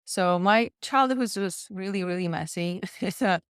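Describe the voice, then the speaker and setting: A woman's voice: medium pitch, normal speed, clean tone, dry recording, studio quality. A woman from Slovakia, a podcast guest telling her personal story in an earnest, reflective way. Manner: earnest, reflective, repeats words while thinking. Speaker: guest, nutritionist and pharmacist.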